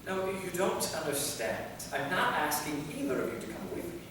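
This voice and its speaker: In a live staged play reading, a man plays a centuries-old vampire knight who is anxious, earnest and pleading. His somewhat high, slightly bright voice swings widely in pitch at a slightly fast pace, picked up from far off in an echoey hall with faint noise.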